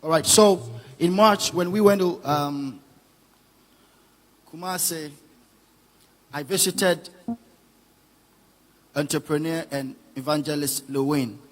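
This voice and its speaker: A man hosting a conference, introducing guests in a loose, unscripted way with frequent pauses. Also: fairly high pitch, big-room sound, low-quality recording. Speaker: event host.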